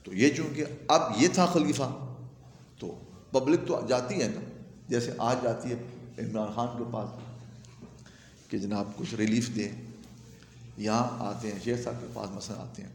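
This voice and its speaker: A man giving a lecture on Arabic grammar, telling an anecdote in a lively way and reciting Arabic phrases before explaining them. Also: mid-range voice, pauses often, slight background noise. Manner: animated storyteller who recites Arabic phrases and then glosses them. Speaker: religious teacher. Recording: echoey hall with long reverb.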